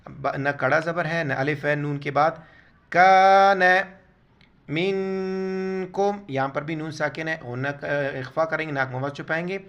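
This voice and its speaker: A man teaching Quran recitation word by word, spelling out letters and vowel marks, then slowly drawing out each recited word. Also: a little high, fairly even intonation, a bit bright.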